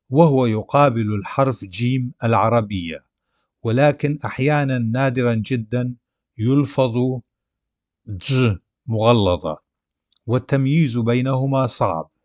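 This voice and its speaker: A man's voice: mid-range voice, a little slow, dry recording. A man giving a grammar lesson, carefully sounding out letters and example words one by one. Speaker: language teacher.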